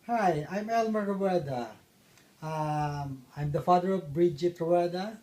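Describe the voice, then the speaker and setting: A middle-aged man from the Philippines, answering interview questions about his life in a halting way with many fillers. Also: high-pitched, warm tone, slight background noise. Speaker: interviewee, father.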